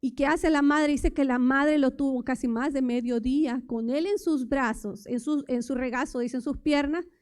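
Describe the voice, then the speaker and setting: A woman's voice: high-pitched, steady tone, moderate pace, few pauses, darkish tone. A woman preaching a sermon at a church service, talking in a conversational way and putting many rhetorical questions to the congregation. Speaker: lay preacher.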